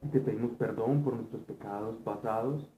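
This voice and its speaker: A man leading a Bible class and praying aloud in a steady, devotional cadence. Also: fairly low pitch, normal speed. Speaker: Bible study teacher. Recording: echoey, dull room recording with clear noise.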